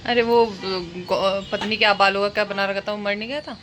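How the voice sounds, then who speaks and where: A woman's voice: medium pitch, fairly even intonation, moderate pace, background noise. A young woman chatting casually in a couple's home vlog, teasing and laughing as she talks to viewers. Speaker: vlogger.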